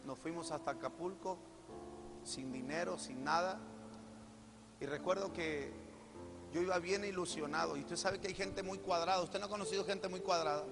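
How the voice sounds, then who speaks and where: A middle-aged Mexican man preaching a testimony, telling his story and often repeating phrases as he speaks straight to the congregation. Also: high voice. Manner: storytelling, repeats phrases, addresses audience directly. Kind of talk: sermon testimony. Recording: echoey hall with music behind.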